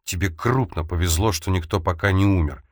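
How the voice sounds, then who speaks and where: Man voicing furious young man, icy tone, very deep voice, dry sound. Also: a little fast, no echo. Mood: icy fury. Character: angry young man, cold and accusing.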